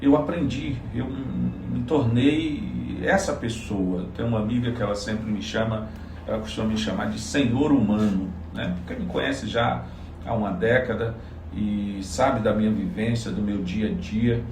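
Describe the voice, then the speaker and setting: A man's voice: fairly low pitch, fairly even intonation, measured pace, creaky, darkish tone, roomy sound, recorded from a distance, a little hiss or hum. A man from Salvador, a psychologist, giving earnest, explanatory interview answers with frequent restarts. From Salvador, Bahia, Brazil. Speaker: psychologist and political candidate.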